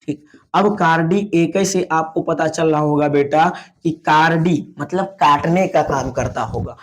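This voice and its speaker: A man gives a biology lesson. His voice sits a little high, and he drills terms by asking them back to his students, addressing them fondly as "beta". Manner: repeats key words as questions, calls students "beta". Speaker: biology teacher. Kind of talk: classroom lecture.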